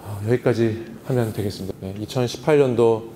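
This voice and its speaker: Pastor teaching in a reverberant hall. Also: male voice, on the low side, a little fast, warm tone, slight background noise. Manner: teacherly, asks the audience questions and answers himself. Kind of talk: seminar talk on Bible meditation. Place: church hall at a youth retreat. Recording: long hall reverb, faint ambience.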